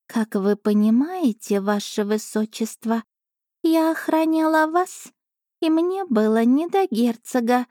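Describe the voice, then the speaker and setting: A spoiled, gluttonous female cat familiar from a fantasy audiobook, performed by a woman narrator. She talks high and slow, drawling each phrase with offended self-importance. The recording is dry and close. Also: expressive, dark tone, dry recording. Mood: indignant. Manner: indignant, drawn-out and self-important.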